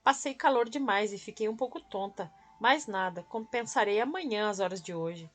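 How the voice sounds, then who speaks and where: A woman's voice: medium pitch, normal speed, a bit bright, soft background music, close to an everyday voice. A woman reading the lines of a stubborn, irritable young woman in an audiobook. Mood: sulky. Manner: sulky, defensive.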